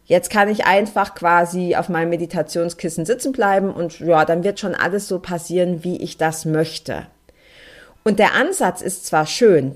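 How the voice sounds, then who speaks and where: A young adult woman hosting a solo spiritual podcast, talking earnestly and emphatically straight to her listeners as a coach. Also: lowish voice. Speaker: podcast host and card-reading coach.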